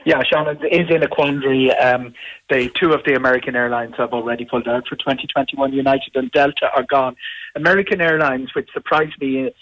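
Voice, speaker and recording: A man's voice: mid-range voice, fairly even intonation, a little fast, a bit bright, no echo. A man giving expert commentary as a radio interview guest over a phone line.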